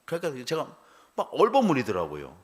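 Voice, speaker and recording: A man's voice: medium pitch, wildly swooping pitch, brisk. A middle-aged male pastor telling a personal testimony in a church sermon, acting out the dialogue and laughing as he goes.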